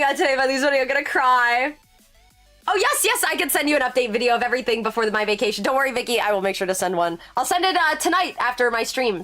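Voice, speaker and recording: Working through her live stream, a slightly bright-voiced female VTuber keeps up relaxed conversation with chat, answering messages and now and then letting out abrupt, high-pitched exclamations.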